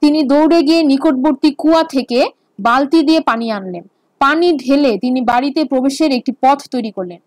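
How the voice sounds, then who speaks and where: A woman's voice: high-pitched, brisk, a little mellow, dry recording. A woman teaching basic Arabic grammar in an online lecture, explaining patiently and repeating words. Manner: explains patiently with repetition and fillers.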